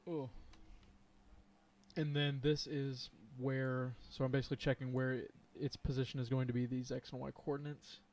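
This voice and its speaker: A man's voice: mid-range voice, flat delivery, moderate pace, darkish tone. A man streaming live as he codes, thinking aloud and chatting with viewers, with plenty of ums and hesitations. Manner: rambling, thinks aloud, says um a lot; chats and laughs with viewers. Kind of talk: live coding stream commentary.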